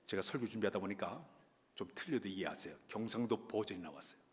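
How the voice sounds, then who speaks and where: A man preaching a sermon as a pastor, delivering it emphatically and swinging between loud, stressed phrases and quiet asides. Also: fairly low pitch, lively intonation, quick pace. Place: church sanctuary. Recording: long church-hall reverb.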